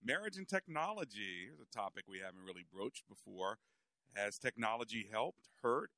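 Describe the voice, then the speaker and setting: A man hosting a radio talk show, speaking in a halting monologue with rhetorical questions and repetition. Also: lowish voice, vocal fry, fairly bright tone, no echo.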